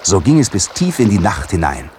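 Male narrator, fairly low, scripted dramatic storytelling, clear background noise. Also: sing-song, fairly quick.

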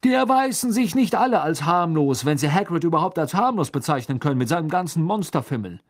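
A man voicing a flustered, blustering middle-aged minister who talks high, loud and pushy. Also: very animated, normal speed, slightly rough, no echo, studio quality, full character voice. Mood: agitated.

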